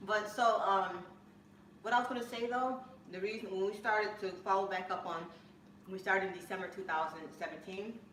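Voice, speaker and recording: Woman, cooking host, chatty and rambling, bright forceful voice, echoey kitchen, mic set back. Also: medium pitch, normal speed. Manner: chatty, rambling, bursts of excitement. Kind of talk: casual live-stream chat. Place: home kitchen. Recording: echoey room, mic at a distance, faint room noise.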